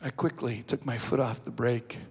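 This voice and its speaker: A male preacher telling a story in a sermon, building dramatically into shouted passages. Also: medium pitch, fairly even intonation, normal speed, slightly rough, in a large hall.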